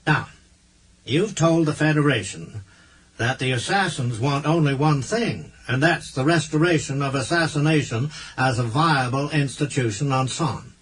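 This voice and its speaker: A man voicing a self-assured, persuasive male human diplomat in an audiobook, with a husky voice and a slightly patronizing manner. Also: medium pitch, moderate pace, voice pushed up, natural voice.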